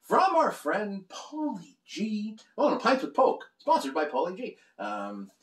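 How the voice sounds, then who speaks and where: A middle-aged man with a high-pitched voice and measured pace rambles and jokes his way through a casual beer review, gesturing a lot as he talks. He sits in a small indoor room lined with beer shelves, filmed by a camera across the table. The sound is roomy and slightly distant.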